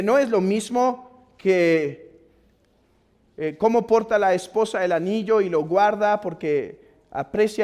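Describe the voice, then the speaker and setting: Earnest Mexican preacher, high voice, reverb. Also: male voice. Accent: Mexican Spanish. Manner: earnest, exhorting, swings from loud urging to quiet pleading. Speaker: pastor. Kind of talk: sermon. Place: church hall. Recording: long church reverb.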